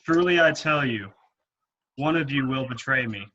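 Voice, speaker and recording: Jesus read by a man, calm grave teacher, bright measured voice, slightly muffled recording. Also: mid-range voice. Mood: solemn. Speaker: reader. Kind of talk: scripted church reading.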